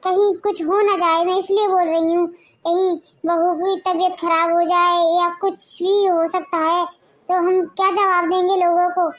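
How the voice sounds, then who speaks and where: Woman doing a worried mother-in-law begging her son to ease up, very high voice. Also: little pitch movement, measured pace, highs cut off. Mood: worried pleading. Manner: anxious, pleading.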